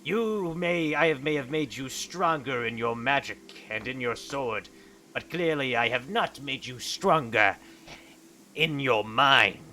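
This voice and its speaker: A man's voice: mid-range voice, unhurried, pushed and bright, slight background noise. A man voicing a stern old hermit monk, a solemn and cryptic mentor, in a tabletop game. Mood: stern, disdainful. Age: older. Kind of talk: tabletop role-play character voice.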